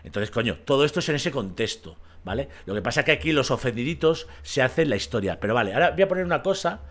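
With a medium-pitched, animated voice and a quick pace, this man streams live in a Spain Spanish accent. He rants in a combative, foul-mouthed, blunt way, repeatedly checking if viewers agree with him.

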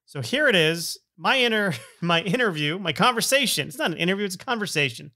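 A middle-aged podcast host opens his show and conducts an interview in a conversational, emphatic way, often repeating phrases for effect. His voice is high, bright and forceful, with lively intonation and a fairly quick pace.

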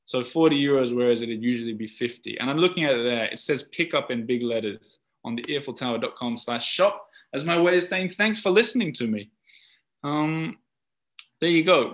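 A man's voice: a little high, fairly bright tone. A man with an Australian accent, a podcast host, talking casually and rambling with lots of filler words on a video call. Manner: rambling, chatty, many fillers. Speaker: podcast host, guest speaker. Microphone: video call mic.

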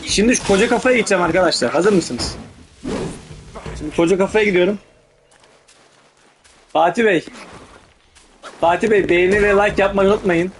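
A man doing casual gameplay commentary in street slang, swearing heavily and given to excitable, urgent outbursts. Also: high-pitched, normal speed, long pauses, a little hiss or hum. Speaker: gaming video host.

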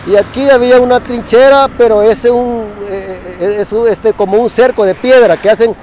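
Salvadoran ex-soldier, middle-aged man, high voice, chatty storyteller with a constant "va" tag and gunshot sounds. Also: fairly even intonation, moderate pace, darkish tone, slight background noise, low-quality recording. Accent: Salvadoran Spanish. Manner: tags nearly every phrase with "va", mimics gunshots. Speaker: former soldier telling a war story. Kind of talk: casual spoken storytelling.

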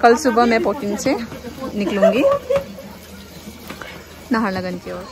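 A woman's voice: mid-range voice, slow, a loud crowd. A young woman vlogging in a village, talking chattily to her phone camera, laughing often and mixing in English words. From Arunachal Pradesh, India. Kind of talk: casual vlog narration. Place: village outdoors at night and inside a bamboo house. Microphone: phone camera held at arm's length.

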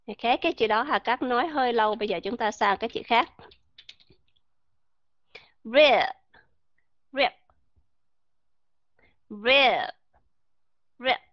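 Female classroom teacher who quizzes students and refers to herself by name; slightly high voice; muffled, dry recording. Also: quick pace, few pauses, fairly bright tone, dry recording. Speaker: English pronunciation teacher. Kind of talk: classroom lecture.

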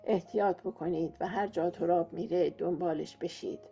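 A woman voicing a calm, protective young man who gives brief, firm instructions. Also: fairly low pitch, creaky. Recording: muffled, soft music behind.

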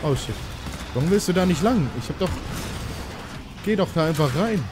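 A man playing a co-op game with friends, excitable and prone to panicked yelling and swearing. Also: fairly high pitch, moderate pace, noisy background. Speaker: gaming channel host. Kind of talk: Let's Play co-op commentary.

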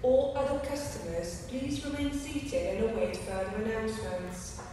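A woman's voice: fairly high pitch, moderate pace, dark tone. Woman, airline gate agent, airport announcement, formal boarding instructions, PA speakers, distant in a reverberant hall. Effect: public address system. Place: large indoor airport terminal. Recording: distant, very echoey noisy terminal hall. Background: terminal ambient noise.

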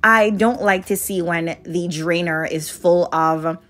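A woman's voice: lowish voice, takes it slowly, a bit bright. A woman in her late twenties from Jamaica, narrating a home cleaning vlog in a candid, conversational voice-over. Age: late 20s. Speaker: vlogger.

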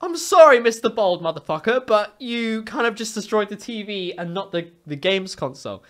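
British male reaction host, twenties, very lively high voice, mocking and sweary. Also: moderate pace. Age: 20s. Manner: animated, crude, mocking, sweary. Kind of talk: reaction commentary. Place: small foam-padded room, indoors.

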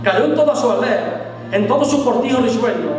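Guy proclaiming verse like a town crier, big hall reverb, loud music under him. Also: very high voice, expressive, moderate pace, recorded from a distance. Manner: solemn, declamatory, rhetorical. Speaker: Holy Week proclamation orator (pregonero). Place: theatre stage, speech at lectern.

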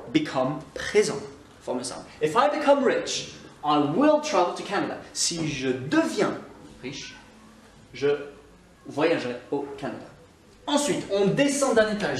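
Scottish male teacher, lesson in French, slightly high voice, roomy echo. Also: slight background noise. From Scotland. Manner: explanatory, stresses example words slowly. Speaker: online English teacher. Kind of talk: French-language English grammar lesson. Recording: echoey room, somewhat far from mic.

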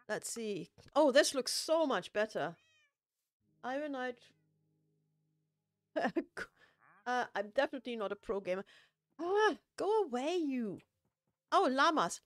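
A woman's voice: a little high, no echo. A woman streaming a building game, chatting casually, laughing often and poking fun at herself. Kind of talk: casual gameplay chat.

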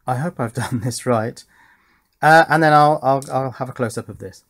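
A middle-aged man with an average-pitched, slightly bright voice talks like a hobbyist at an indoor workbench. He keeps it casual and practical, thinking out loud and quizzing himself at a moderate pace.

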